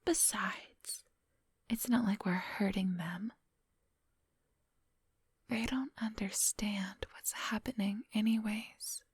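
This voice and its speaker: Whispering breathily up close in an ASMR roleplay, a woman voices a coolly hypnotic, controlling female vampire who coaxes, commands and talks down with scorn, probing as she goes. She has a husky, mid-range voice and takes it slowly, pausing often. The close microphone gives a dry recording.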